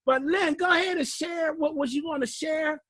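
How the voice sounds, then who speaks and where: A fiery, preacher-like man with a high voice leads a class, booming out lines, then dropping to a low murmur. He sounds short of breath. The sound is close and dry, with no room around it. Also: normal speed, no room sound. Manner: fiery preacher-like delivery, swinging from loud shouts to low murmurs. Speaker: class leader. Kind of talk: motivational teaching call. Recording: recorded call.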